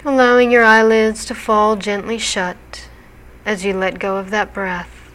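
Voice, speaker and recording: Slow, soothing woman guiding hypnosis. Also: mid-range voice, little pitch movement, fairly bright tone, rough recording. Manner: soothing, deliberate, measured delivery. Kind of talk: guided hypnosis relaxation narration.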